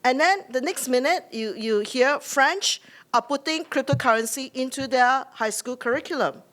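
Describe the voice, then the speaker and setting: A woman's voice: sits high, normal speed, fairly bright tone. A middle-aged woman from Singapore with a Singaporean English accent, giving welcome remarks at a symposium from a podium microphone, rambling loosely and tagging her points with "right?". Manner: loose, rambling delivery with frequent "right?" tags and fillers. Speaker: conference host. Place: conference hall, speaking at a podium.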